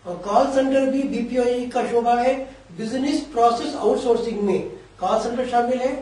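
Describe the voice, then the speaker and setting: A career guidance expert with a high, mellow voice patiently answers interview questions in long, winding explanations, speaking Urdu-flavoured Hindi sprinkled with English terms. He talks at a moderate pace and sounds distant from the mic in a very echoey room.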